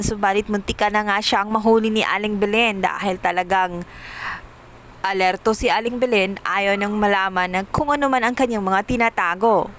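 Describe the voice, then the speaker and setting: A woman narrating a casual recap of a TV drama episode, telling the story quickly with many fillers. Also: medium pitch, a bit bright, a little hiss or hum.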